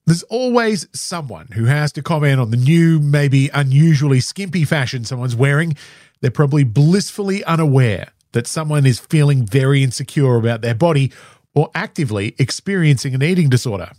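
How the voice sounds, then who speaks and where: A man with a hoarse, scratchy voice hosts a podcast in a conversational, narrated style. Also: mid-range voice, expressive, normal speed, a little mellow, dry recording, clean studio sound. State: hoarse, scratchy voice after flu. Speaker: podcast host.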